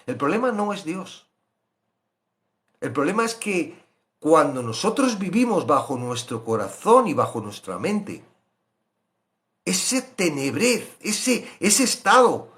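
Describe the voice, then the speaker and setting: A man preaching a sermon, animated, swinging loud questions to hushed asides. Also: a little high, slow, long pauses. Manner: acts out biblical voices in quoted asides.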